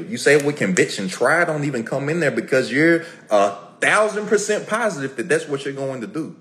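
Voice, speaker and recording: A man's voice: mid-range voice, fairly bright tone. Emphatic, preachy man in an echoey room. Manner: preachy, repetitive, emphatic, acting out everyday dialogue. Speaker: podcast host. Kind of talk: motivational talk to a live audience.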